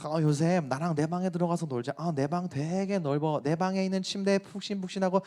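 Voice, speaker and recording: A man voicing a scheming, seductive noblewoman who turns vengeful, with coaxing and shrill, theatrical lines. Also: fairly even intonation, brisk, a little mellow, natural voice.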